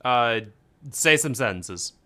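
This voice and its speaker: A man streams a story game in a casual manner, moving between chat and read-out narration. His voice is lively in pitch and has a forceful, bright edge. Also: slow.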